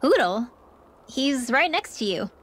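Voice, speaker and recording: A woman's voice: high voice, very animated, unhurried, fairly bright tone, full character voice. A woman voicing an earnest, guarded young female mage in a video game.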